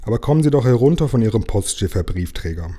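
A man reading aloud, voicing a calm, kindly train driver in a children's story. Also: mid-range voice, quick pace, close to an everyday voice. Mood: easygoing.

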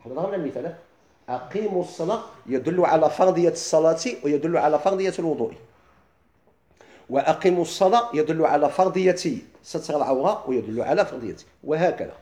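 Fast-talking Moroccan man teaching. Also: on the high side, animated, warm tone, roomy sound. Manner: quizzes listeners with quick questions, then answers himself. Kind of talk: classroom lesson explaining legal theory.

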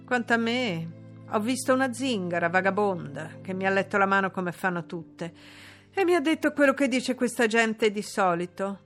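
A woman's voice: medium pitch, animated, normal speed, a bit bright, faint music behind, lightly acted. A woman reading an audiobook, voicing a haughty, imperious young noblewoman who gives orders. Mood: scornful. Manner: imperious, commanding.

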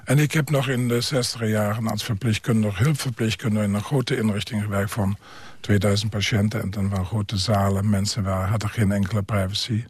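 Older guy with roots, low-ish husky voice, hesitant, lots of pauses, dry studio. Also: fairly even intonation, dry recording. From Germany. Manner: hesitant, halting with many pauses and fillers. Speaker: psychiatric care worker and author. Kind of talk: radio interview.

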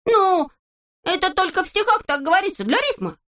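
A woman voicing a boastful, carefree little male character in a children's storybook, in a high childish voice that stays cheerful and unbothered. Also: very animated, brisk, pushed and bright, full character voice.

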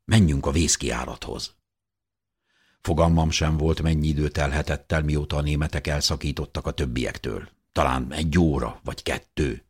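A man reading a first-person audiobook in a steady, measured way. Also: very deep voice, slightly rough. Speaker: audiobook narrator.

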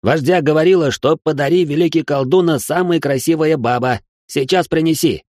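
Guy putting on a jolly jungle translator, broken grammar, higher pitched, pretty loud, dry sound. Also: moderate pace, no echo, lightly acted. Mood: eager.

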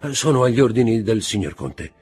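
A man's voice: on the low side, very animated, a little fast, darkish tone, breathy edge, soft background music, pitched above the performer's own voice. A man voicing a pompous older man who poses as a father, grave and stiff. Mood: effusive.

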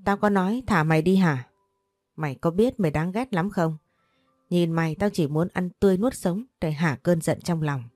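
A woman's voice: lowish voice, moderate pace, a little mellow, no room sound, soft background music, natural voice. A woman voicing a spiteful, cruel young aunt who talks in harsh, contemptuous threats in an audio story. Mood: sneering threats.

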